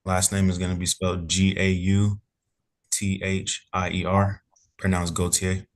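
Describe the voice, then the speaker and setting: A man's voice: low voice, monotone, a little slow. A police officer testifying in court over a remote call, polite and hedging in his answers.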